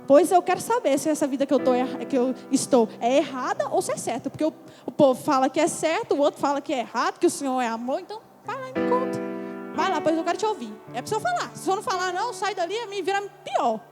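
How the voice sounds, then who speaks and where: A young woman on a church congress stage, telling her conversion story with animated storytelling and acting out her own past words. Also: high voice, quick pace. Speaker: testimony speaker at a church congress. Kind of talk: emotional religious testimony. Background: music.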